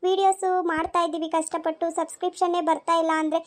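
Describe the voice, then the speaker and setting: Fast-talking cartoon channel host, woman. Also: very high voice, level tone. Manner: quick, pleading. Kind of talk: channel outro asking for subscriptions.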